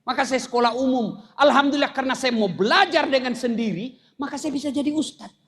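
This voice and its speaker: Comic preacher man, high voice, tells jokey stories to a crowd. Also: fast talker, a bit bright. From South Sulawesi, Indonesia. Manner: storytelling with jokes, raises voice for punchlines. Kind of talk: humorous sermon to a crowd.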